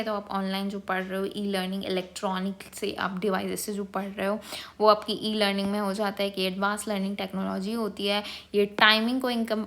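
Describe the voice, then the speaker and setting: A young woman teaching an online exam-prep class at a mid-range pitch. She reads out definitions slowly and carefully, then switches to quick, chatty explanations with frequent check-ins. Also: fairly bright tone, slight background noise. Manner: fast-talking, checks in with frequent "okay". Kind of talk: online lecture.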